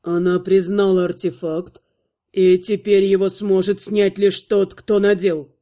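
A woman's voice: medium pitch, fairly even intonation, measured pace, dark tone, voice pushed down, close to an everyday voice. A woman voicing an insistent older male archmage who gives firm commands. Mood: stern. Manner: insistent, pressing.

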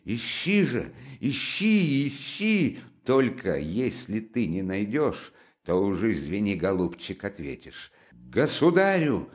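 Male reader as a high-pitched, hysterical woman hurling insults in a classic novel reading. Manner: hysterical, scolding, screaming insults. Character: frantic, shrieking, destitute middle-aged woman.

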